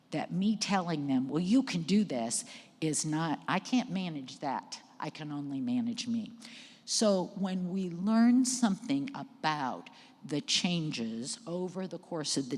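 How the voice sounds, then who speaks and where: Her voice low and darkish, a middle-aged woman talks conversationally to a live church-hall audience in an educational presentation about caregiving. She checks in with listeners and cues her slides, and long hall reverb colors the sound.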